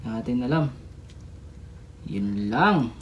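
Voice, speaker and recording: A young woman giving casual unboxing commentary on a figure, chatty, with excited exclamations and little giggles. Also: very deep voice, very slow, highs cut off, slight background noise. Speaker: toy reviewer.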